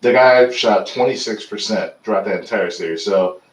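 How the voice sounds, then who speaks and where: A man's voice: lowish voice, normal speed, reverberant, far from the mic, a little hiss or hum, poor audio. A man co-hosting a casual sports talk radio show, laid-back and agreeable but firm in his opinions. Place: radio studio.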